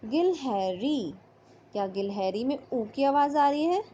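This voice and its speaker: A woman's voice: high voice, animated, moderate pace, dark tone, slight background noise. A woman teacher going through a workbook lesson, patiently sounding out letters and words. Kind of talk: online class lesson. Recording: slightly dull lo-fi audio.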